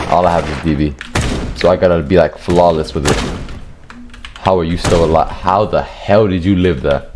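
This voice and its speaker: A young man giving profane, trash-talking commentary while he plays a game, often jumping into high yelps. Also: noisy background. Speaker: gamer and video creator. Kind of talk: live gameplay commentary.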